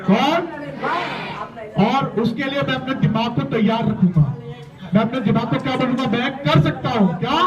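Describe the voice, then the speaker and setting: At a school gathering packed with students, a male motivational speaker with a high voice talks at normal speed into a handheld or stage mic. He is emphatic, coaching the students to chant his words back in call-and-response. The sound is echoey, distant, dull and muffled, with the crowd audible behind him.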